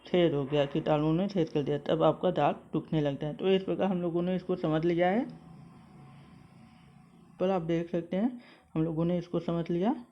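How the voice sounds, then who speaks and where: A man's voice: on the high side, steady tone, normal speed, a little hiss or hum. A male school English teacher explaining a textbook lesson word by word, methodical and repetitive. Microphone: mobile phone. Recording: dull lo-fi phone recording.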